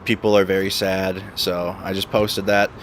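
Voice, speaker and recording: A man's voice: deep voice, flat delivery, moderate pace. A man hosting a casual live stream, chatting and repeating words and phrases for emphasis. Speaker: livestream host. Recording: noisy outdoor city street with traffic.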